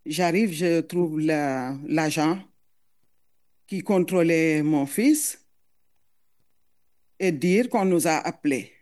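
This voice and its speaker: A middle-aged woman with a foreign accent gives emotional public testimony as a mother. She speaks earnestly and haltingly, repeating words as she searches for them. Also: deep voice, darkish tone. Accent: foreign accent in French.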